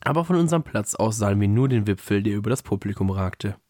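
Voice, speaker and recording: A man with a somewhat low voice reads a Christmas story aloud in a calm storybook manner. The sound is dry and close, with no room around it. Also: fast talker, dry recording. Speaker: podcast co-host reading a story.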